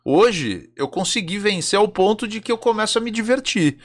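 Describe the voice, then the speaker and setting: A Brazilian man with a high, very expressive voice, swooping up and down as he tells stories in slangy casual chat. He acts out the lines of the people in his tales. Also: normal speed. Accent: Brazilian Portuguese. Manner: animated storyteller, slangy, acts out dialogue.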